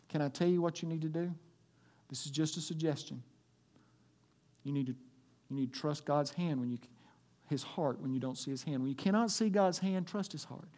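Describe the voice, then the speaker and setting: A man preaching to his church congregation, his voice sitting a bit high for a man. He swings between loud, emphatic lines and quiet, hushed stretches. He is delivering a sermon. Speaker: pastor.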